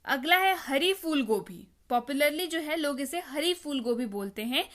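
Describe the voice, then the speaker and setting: High-voiced woman teaching vocabulary. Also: lively intonation, measured pace, fairly bright tone. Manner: patient, repeats words and quizzes the listener. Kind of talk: spoken English vocabulary lesson.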